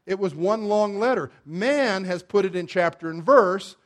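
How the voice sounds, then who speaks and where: A man preaching a sermon, asking the congregation for responses and swinging between loud emphatic lines and quiet asides. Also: high-pitched, animated, measured pace. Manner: call-and-response questions to the congregation.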